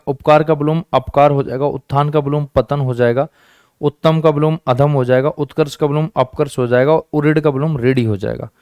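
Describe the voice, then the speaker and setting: A man's voice: on the high side, a little mellow, clean tone, no echo, studio quality. A man teaching an online exam-prep class, coaxing his students, repeating each question and answer and calling them friends and children. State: sore hand, says it hurts.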